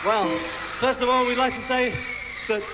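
A man's voice: very high voice, steady tone, normal speed. Man on stage in an old concert recording. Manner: polite, cheerful stage banter to a crowd. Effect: archival 1960s live concert recording. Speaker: band member speaking from the stage. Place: large concert hall. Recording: noisy old concert recording, reverberant hall, distant mic.

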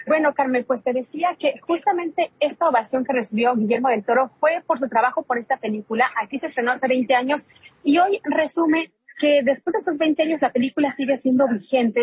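A woman's voice: high voice, husky, dry recording, highs cut off. A woman correspondent giving a live news report over a remote call line that sounds like a laptop speaker, chatty and full of fillers. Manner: chatty, many fillers and restarts.

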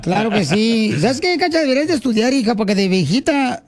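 A man's voice: very high voice, sing-song, a little fast. A man with a Mexican Spanish accent hosting a joking radio chat, teasing his co-hosts. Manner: playful, teasing, calls people "hija". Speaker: radio host.

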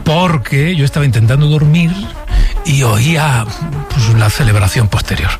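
A man's voice: mid-range voice, normal speed. A man hosting a radio show, chatting in a playful, teasing way in a studio. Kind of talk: casual radio chat. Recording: radio studio with music bed.

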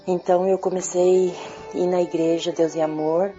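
A woman giving a quiet, measured church testimony with pauses, in a dull lo-fi recording with faint music. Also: on the low side, little pitch movement.

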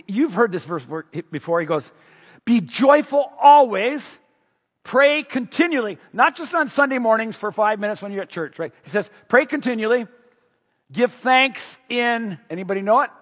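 Preaching a sermon in a conversational style, a middle-aged man regularly asks his congregation questions. His very high-pitched voice is animated, a bit bright, and husky, and it moves at a moderate pace. The recording is dull, with the reverberant sound of a hall.

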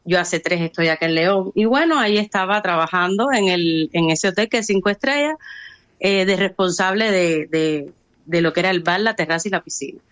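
A woman from Cuba with a Cuban Spanish accent, talking through her story as an interview guest, with hesitations, restarts and lively quoted voices. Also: lowish voice, a little fast, no room sound. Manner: hesitant, many restarts and fillers, lively when quoting others. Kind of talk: conversational storytelling.

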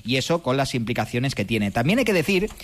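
A man's voice: medium pitch, sing-song, fairly quick. A man explaining weather on radio with light jokes. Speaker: weather contributor. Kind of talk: casual explanation.

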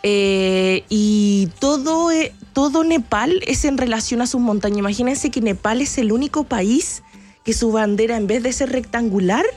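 Talkative Chilean woman, bright voice. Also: a little high, normal speed, soft background music. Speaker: travel agency press chief, guest. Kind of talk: radio interview, enthusiastic travel talk.

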